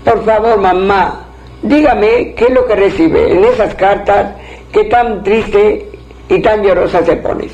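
A man's voice: high voice, slow pace, a little mellow. A man voicing a worried young wife and mother pleading with her mother-in-law in a folktale, on a dull lo-fi recording.

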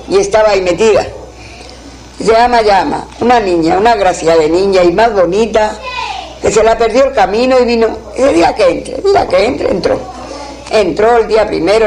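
A woman's voice: mid-range voice, darkish tone, poor audio. A woman telling an old folktale aloud, repeating phrases in a rhythmic, spoken way. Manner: repetitive, rhythmic retelling with quoted dialogue. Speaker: storyteller.

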